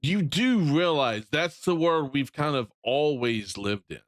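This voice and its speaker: A man's voice: on the high side, lively intonation, unhurried, no echo. A man with a Southern American accent streaming, ranting bluntly about games and often repeating or restarting his phrases. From Southern United States. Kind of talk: live-stream reaction commentary.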